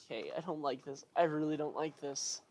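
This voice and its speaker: Casual let's-play commentary, rambling, thinking aloud, fretful, ordinary pitch. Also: fairly even intonation, fairly quick, a little mellow, a little hiss or hum. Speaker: gameplay commentator.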